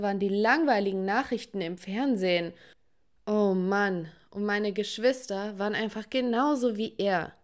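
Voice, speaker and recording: A young woman tells her own story from a script in a lively, dramatic voice. Her pitch sits in a middle register, and her narration leans hard into each feeling.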